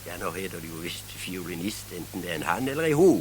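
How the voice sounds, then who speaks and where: Older man, Southern Norwegian accent, comic storyteller, animated pitch, chuckles at his own jokes. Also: slight background noise. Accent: Southern Norwegian, Kristiansand area. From Southern Norway. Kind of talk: humorous anecdote telling.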